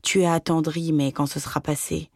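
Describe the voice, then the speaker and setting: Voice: mid-range voice, flat delivery, moderate pace, a little mellow, no room sound, lightly acted. A reader doing a grieving middle-aged mother, weary and pleading, voice heavy with shame. The recording is dry and close, a read storybook. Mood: sorrowful.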